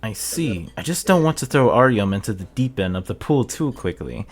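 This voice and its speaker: A man's voice: on the low side, very animated, brisk. A young man hosting a casual let's-play chat with friends, hesitant and giggly. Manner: giggly, hesitant, often laughing between lines. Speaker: channel host and player.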